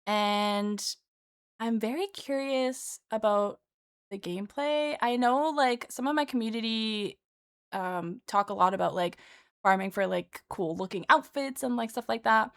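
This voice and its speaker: Casting: female streamer, fairly high voice, informal reaction chat, thinking aloud. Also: a little slow, fairly bright tone.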